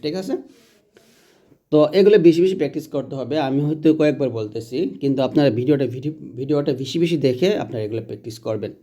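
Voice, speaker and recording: A man teaching Quranic letter pronunciation in a patient, repetitive way, drawing out each sound slowly to demonstrate it. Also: mid-range voice, warm tone. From Bangladesh. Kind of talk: recitation lesson.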